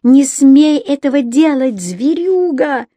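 A woman reading a storybook, voicing a fiery young girl, a robber's daughter, shouting defiantly in a shrill voice. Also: level tone, measured pace, husky, dry recording, studio quality. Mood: enraged.

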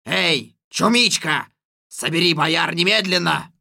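A woman doing Koschei, a gravelly villain king. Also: fairly low pitch, lively intonation, slow pace, pushed and bright, no room sound, clean studio sound, exaggerated voice. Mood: commanding. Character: menacing old male sorcerer king, domineering. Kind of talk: storybook reading.

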